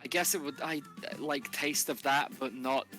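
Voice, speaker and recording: A British tabletop player chats and improvises casually, swearing freely. The voice is bright, with faint music behind it. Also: mid-range voice, fairly even intonation, moderate pace. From United Kingdom. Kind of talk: casual improvised role-play chat.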